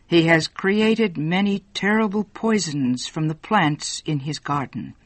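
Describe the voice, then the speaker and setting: The storyteller voicing an old professor of medicine who speaks gravely and slowly. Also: medium pitch, dry recording.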